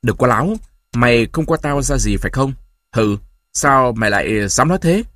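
Guy doing a raspy cranky old grandpa, yells in bursts, voice jumps all over, dry close mic. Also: mid-range voice, lively intonation, moderate pace, no echo, natural voice. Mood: enraged. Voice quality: hoarse. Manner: shouting in bursts of rage. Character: old grandfather, hot-tempered, bitter, weeping.

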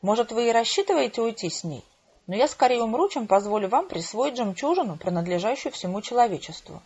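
A woman's voice: fairly high pitch, expressive, fast talker, a little mellow, husky. A woman voicing a self-righteous male politician in an audiobook, protesting grandly, in a dull lo-fi recording.

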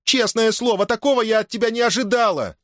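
A man's voice: sits high, a little fast, a bit bright, dry recording, clean studio sound, voice pushed up. A man playing a stern, furious noble mother. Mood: scolding. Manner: scolding, commanding.

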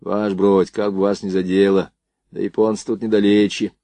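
A man's voice: lowish voice, flat delivery, moderate pace, mellow, dry recording, natural voice. A man voicing a plain young soldier who speaks in an anxious, warning way. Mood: worried.

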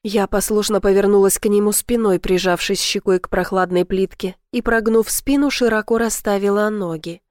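A woman narrating a first-person romance audiobook in a soft, unhurried, intimate reading. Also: mid-range voice, steady tone, no echo, clean studio sound.

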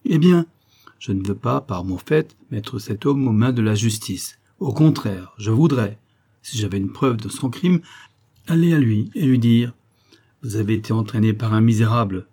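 A wounded colonel pleading his case with earnest warmth from a sickbed, as a man reads him in a storybook. The voice is dark and husky, low in brightness and clarity. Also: normal speed.

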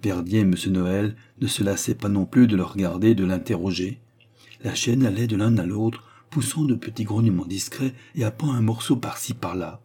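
A man narrating a classic novel as an audiobook in a measured, even way. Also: lowish voice, slightly rough.

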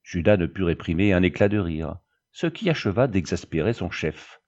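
A man reading a novel aloud in a measured, even narration. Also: sits low. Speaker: audiobook reader. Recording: dull lo-fi recording.

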